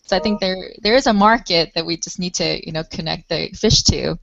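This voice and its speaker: A woman's voice: lowish voice, fairly quick, creaky, fairly bright tone, lo-fi sound. A woman from Taiwan, a nonprofit spokesperson, talking earnestly in a panel discussion with many fillers.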